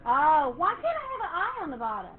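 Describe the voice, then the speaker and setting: A woman math teacher, lecturing her class in a lively, encouraging way and quizzing students. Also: high voice, a little fast. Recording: tinny phone-like classroom recording, faint hiss.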